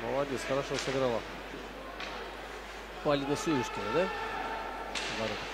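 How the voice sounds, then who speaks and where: A man's voice: medium pitch, moderate pace, very noisy. A man working as a hockey commentator, giving live sports commentary.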